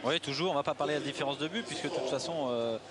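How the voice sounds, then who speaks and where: A man's voice: a little high, rapid-fire, a loud crowd. A man giving analytical football commentary, hesitating and repeating words as he explains the play. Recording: very noisy stadium broadcast. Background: loud stadium ambience.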